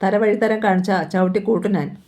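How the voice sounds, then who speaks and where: A woman reading the lines of a gruff, blunt older father in a novel, in a rough, commanding way. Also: mid-range voice, fairly even intonation, a little fast, mellow, lightly acted. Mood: stern.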